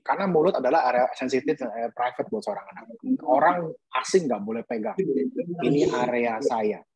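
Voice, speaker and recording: Husky-voiced man explaining earnestly. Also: medium pitch, darkish tone, dry recording, low-quality recording. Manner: earnest and explanatory, with emphatic rhetorical questions. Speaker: pediatric dentist. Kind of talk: webinar talk to parents.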